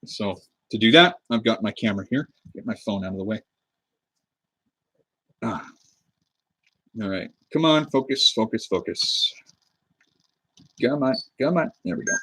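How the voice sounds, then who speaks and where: A man's voice: on the low side, lively intonation, measured pace, pauses often, fairly bright tone, slightly rough, no room sound. A man in his twenties from the US Pacific Northwest, chatting casually on a livestream while crafting a cosplay prop, rambling and easygoing, picked up by a webcam mic at his desk. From United States (Pacific Northwest). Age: 20s. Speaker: cosplay prop maker streaming live. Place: indoors at a desk at home under a lamp.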